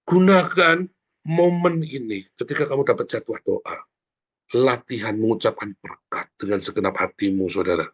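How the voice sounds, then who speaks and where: Animated man preaching a morning sermon. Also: medium pitch, normal speed, husky. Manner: animated, informal preaching that often addresses listeners as brothers and sisters. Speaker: pastor.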